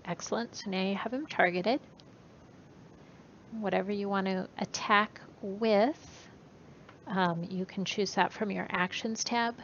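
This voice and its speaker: A woman's voice: medium pitch, measured pace. A woman running a tabletop game, easygoing and full of small fillers as she guides the players. Her voice comes through a dull, lo-fi voice chat with a faint hiss behind it. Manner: relaxed, guiding players with fillers. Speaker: game master.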